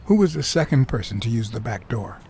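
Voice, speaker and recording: A gravelly, mellow male noir detective in a video game. He is calm, courteous and probing, speaking in a measured way over background ambience. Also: medium pitch, slight background noise. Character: calm, courteous hard-boiled detective, probing but sympathetic.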